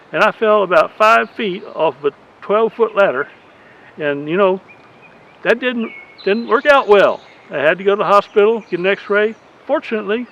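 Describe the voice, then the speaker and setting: A man's voice: sits high, a bit bright. A man in his eighties, a beekeeper, chatting in a rambling, folksy way through an outdoor how-to video. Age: 80s. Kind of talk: casual how-to vlog. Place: outdoors in a rural yard. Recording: slightly dull lo-fi sound.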